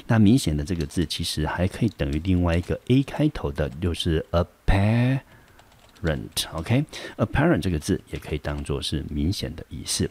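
A man with a Taiwanese Mandarin accent, a high school English teacher giving a patient classroom lecture, translating and reading English lines slowly. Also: darkish tone. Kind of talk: classroom lecture explaining a textbook.

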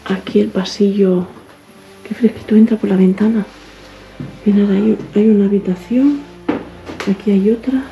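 A woman, exploring an abandoned house in a casual vlog, exclaiming and marveling aloud, often hushed. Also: mid-range voice, steady tone, normal speed, long pauses. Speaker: urban explorer host. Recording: roomy, dull lo-fi camera audio with faint music.

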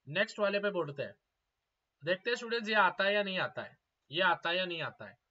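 Young man, live exam-prep teacher, high bright voice, slightly dull lo-fi audio. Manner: urgent, pushes students to answer fast, repeats questions.

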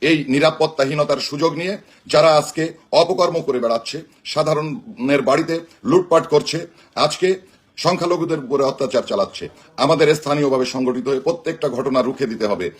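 Husky-voiced Bangladeshi man making a political speech. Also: on the high side, fairly quick. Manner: emphatic, declamatory, slogan-like. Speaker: political party activist. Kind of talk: political speech on a live stream.

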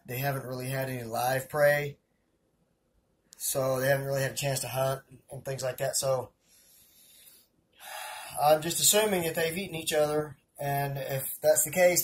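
A man's voice: medium pitch, breathy edge. A man with a Southern US accent narrating a casual feeding video as a hobbyist keeper, chatty and rambling, talking to viewers as guys. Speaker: hobbyist scorpion and tarantula keeper.

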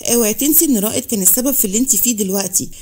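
A woman's voice: fairly high pitch, rapid-fire, dark tone, breathy edge. A woman voicing a scheming Egyptian mother. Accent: Egyptian Arabic. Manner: bossy, conspiratorial. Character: scheming middle-aged mother.

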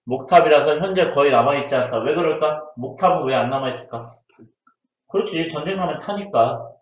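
A man's voice: fairly high pitch, a little fast. A man teaching history in a casual exam-prep lecture, who asks his students questions and answers them himself. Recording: roomy echo.

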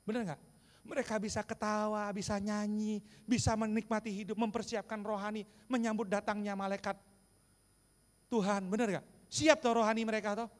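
Animated high-voiced preacher in echoing hall. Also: male voice, normal speed. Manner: animated preaching, calls to the congregation. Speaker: pastor. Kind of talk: sermon. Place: large church hall. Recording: long church hall reverb.

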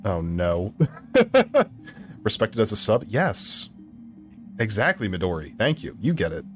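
A man's voice: lowish voice, big pitch swings, slow pace, fairly bright tone, soft background music. A man streaming a video game, commenting casually in a playful, jokey way and laughing often.

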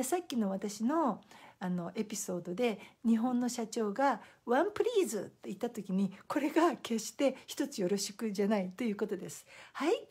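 Woman, middle-aged, interpreter on a live stream, husky, high and very animated. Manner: lively storytelling with acted-out quotes. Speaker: simultaneous interpreter talking to viewers. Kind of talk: casual live-stream talk.

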